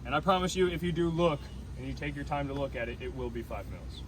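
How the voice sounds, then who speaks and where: A man's voice: mid-range voice, quick pace. A man instructing trainees on an artillery call for fire, emphatic and directive, repeating key points. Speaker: military instructor. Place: outdoors under camouflage netting in a field. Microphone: phone held among the seated trainees. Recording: noisy outdoor phone recording.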